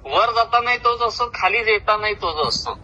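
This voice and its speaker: With a high-sitting, expressive, pushed and bright voice at normal speed, an older Marathi-accented man from Maharashtra goes on boastfully and confrontationally. He is a retired government officer, captured on a recorded, heated, informal phone call.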